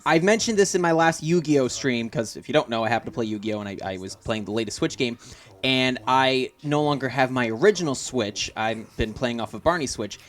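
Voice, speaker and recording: A man's voice: mid-range voice, expressive, fairly quick. A man co-hosting a gaming livestream, chatting casually in an upbeat, self-mocking way and laughing often at his own slips. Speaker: streamer and co-host. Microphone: desk mic at a streaming setup.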